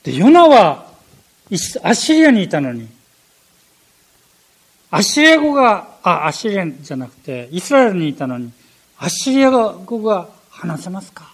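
An older man preaching a sermon, animated, with frequent fillers and self-corrections. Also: sits high, moderate pace, long pauses.

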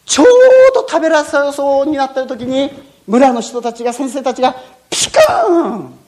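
A woman telling a Bible-lesson story to children, lively and full of sound effects, speaking to her listeners. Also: high-pitched, brisk.

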